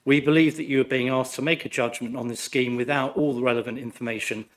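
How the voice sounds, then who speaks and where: A man, his voice croaky from flu, reading a formal, measured and critical speech as a councillor. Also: medium pitch, fairly even intonation. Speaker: ward councillor addressing a planning committee. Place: council meeting room.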